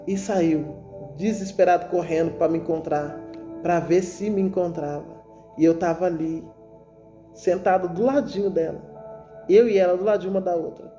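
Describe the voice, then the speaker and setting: A woman's voice: fairly low pitch, moderate pace, dark tone, faint music behind. A woman telling a religious testimony in an emotional, storytelling way, calling her listeners brothers. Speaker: testimony speaker.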